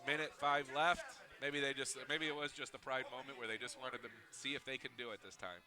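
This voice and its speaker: A man giving color commentary on a high school football game, chatty and analytical, with easy laughs. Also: steady tone, a little fast.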